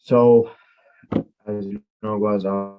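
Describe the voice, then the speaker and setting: A man's voice: fairly low pitch, level tone, slow pace, clear, resonant tone, phone-quality sound. A man in his twenties, raised in Finland and a native Finnish speaker, giving rambling, filler-heavy answers as a fighter in an interview. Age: 20s. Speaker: MMA fighter guest.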